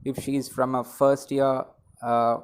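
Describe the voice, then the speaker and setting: A middle-aged man with an Indian English accent teaches to camera at a deliberately slow pace. He stresses key words and repeats them, putting rhetorical questions to his viewers. His voice is close and direct, caught on a wired earphone mic in a small room. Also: mid-range voice, little pitch movement, smooth, rough recording. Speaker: English trainer. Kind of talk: spoken English lesson to camera. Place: small room indoors with a ceiling fan. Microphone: wired earphone mic held near mouth.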